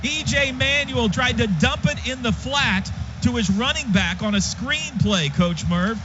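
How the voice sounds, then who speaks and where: Speaking at a measured pace with lively intonation, an extremely high-voiced announcer delivers clipped, running football commentary live over the radio from a stadium booth. Music sits in the background alongside clear crowd and stadium noise, all through a dull broadcast sound.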